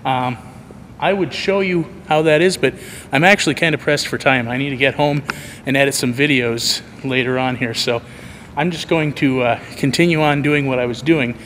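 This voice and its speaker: Speaking at a moderate pace in a medium-pitched, fairly bright voice, a video producer and vlogger leads a casual, rambling tour of a large, empty church auditorium at night. He talks to a handheld camera, whose microphone captures his dry, self-deprecating humor along with the hall's echo and clear background noise.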